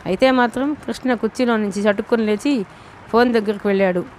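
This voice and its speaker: A woman's voice: a little high, a little fast, slight background noise. Woman reading a novel aloud. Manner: steady, emotive reading. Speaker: audiobook narrator. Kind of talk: scripted first-person novel narration.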